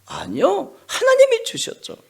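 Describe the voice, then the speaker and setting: A man's voice: huge pitch swings, a little slow, vocal fry, exaggerated voice. A man voicing a furious male prophet who complains shrilly and rants at God. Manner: shrill, pleading and ranting.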